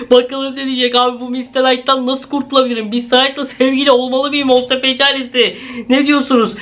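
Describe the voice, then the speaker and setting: A young man vlogging dramatically, reacting to a chat and exclaiming to his viewers. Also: very high-pitched. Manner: excitable, exclaims, talks to viewers as "abi". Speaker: YouTuber.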